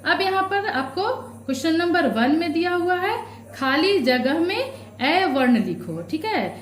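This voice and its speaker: A woman's voice: extremely high pitch, sing-song, measured pace, echoey room. A woman teaching young children from a workbook, patient, asking questions and answering them herself. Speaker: primary school teacher.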